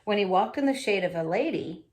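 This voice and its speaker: At a brisk pace and in a medium-pitched voice, a woman brings a children's picture book to life. She reads in an animated, expressive way and slips in small asides meant for young listeners.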